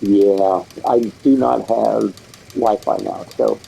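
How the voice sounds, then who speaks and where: A man calls into a casual chat from somewhere else, and his voice arrives thin and tinny, like talking through a tin can. Underneath that sound his tone is deep, dark and heavily gravelly. He keeps his replies brief and laid-back. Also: steady tone, slow pace, a little hiss or hum. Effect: tinny tin-can sound over a remote line. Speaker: remote guest.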